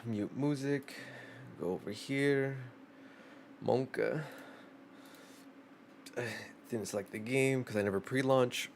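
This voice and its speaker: A man's voice: medium pitch, takes it slowly, gravelly, pauses often, slight background noise. A young man streaming live, chatting casually in a rambling, profane way full of fillers.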